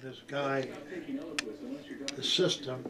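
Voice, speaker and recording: A man's voice: medium pitch, little pitch movement, slow, a loud crowd. An older man with a grandpa voice tells a casual, rambling family anecdote in a folksy, salty way. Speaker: grandfather telling family stories.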